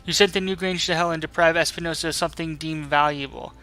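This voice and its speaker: A man voicing a grave, honorable older lord, reading video game dialogue in a formal, measured manner. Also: on the high side, fairly even intonation, sharp tone, smooth. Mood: firm reassurance. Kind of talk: dramatic read-aloud of game dialogue.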